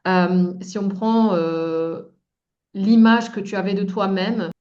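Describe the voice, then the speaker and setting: A woman interviewer asking informal questions in a halting way, piecing them together as she goes, on a lo-fi recording. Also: medium pitch, steady tone, a little mellow. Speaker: interviewer, coach. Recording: dull, lo-fi sound.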